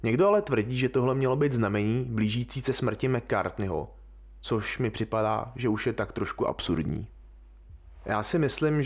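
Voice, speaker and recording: A man hosting a podcast, talking through a subject alone in an informal, colloquial, musing way. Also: medium pitch. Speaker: podcast host. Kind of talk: casual podcast monologue.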